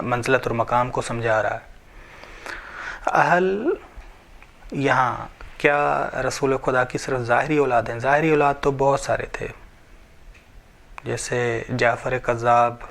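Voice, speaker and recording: A man's voice: medium pitch, fairly even intonation, a little slow, fairly bright tone. A man teaching a religious lesson, explaining each point, repeating phrases and reciting scripture. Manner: repetitive, explanatory, asks and answers his own questions.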